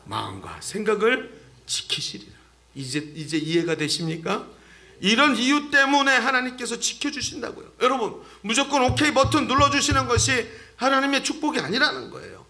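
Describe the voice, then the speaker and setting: A man's voice: very high voice, big pitch swings, brisk, pushed and bright. A male pastor preaching a sermon in a church, talking animatedly and addressing the congregation directly.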